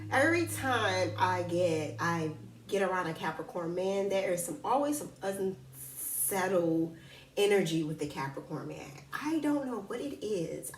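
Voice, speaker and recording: A woman vlogger telling a story in casual chat, blunt and slangy, often animated. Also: mid-range voice, recorded from a distance, slight background noise. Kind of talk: casual storytelling about dating and zodiac signs. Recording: echoey room, voice a bit off-mic.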